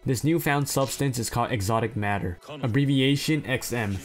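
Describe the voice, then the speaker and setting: A man's voice: mid-range voice, normal speed, faint music behind. A man narrating a ranked anime list, reading plot summaries and breaking off into blunt, profane, self-deprecating asides. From China.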